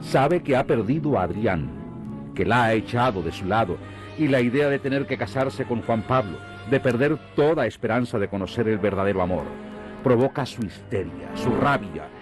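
A man's voice: mid-range voice, expressive, normal speed. A male narrator of a radio drama, telling the story with intense, building tension. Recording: narration over loud music. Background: music.

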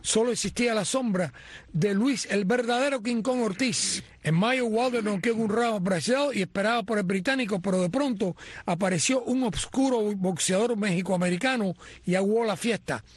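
Male sports commentator, husky high voice, dry booth sound. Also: moderate pace, dry recording. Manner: reads a prepared sports report. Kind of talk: sports news segment.

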